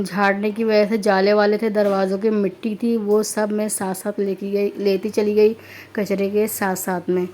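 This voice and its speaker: A woman in her thirties from Pakistan, narrating her housework in a chatty, repetitive way with many fillers; her throat is hoarse. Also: medium pitch, darkish tone, a little hiss or hum. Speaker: vlogger, homemaker. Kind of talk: casual voice-over narration.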